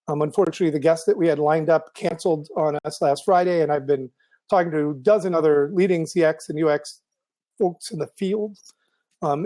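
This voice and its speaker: A man hosting a live video show, thinking aloud in a casual monologue with many ums and restarts, his voice going hoarse. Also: on the high side, dark tone. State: losing his voice.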